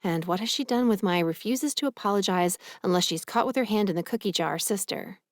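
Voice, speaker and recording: A woman narrating a first-person romance audiobook with a lively, expressive reading. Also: mid-range voice, brisk, dry recording, clean studio sound.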